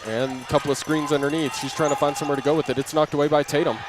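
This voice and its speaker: With music in the background, this announcer's voice sits on the high side, steady in tone and rapid-fire. He calls the basketball game live from a noisy gym in clipped, running phrases, ball bouncing and game sounds clearly audible.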